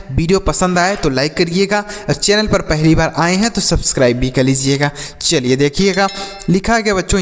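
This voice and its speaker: A man teaching an English phonics lesson to children. He asks questions and answers them himself, and slows down to spell out letters. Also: on the high side, in a large hall.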